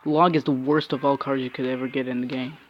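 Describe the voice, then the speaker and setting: A man's voice: mid-range voice, flat delivery, fast talker, highs cut off, a little hiss or hum. A man giving frustrated, cursing commentary while opening packs and playing a mobile game. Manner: frustrated ranting with frequent cursing and restarts. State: angry. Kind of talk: angry gameplay commentary.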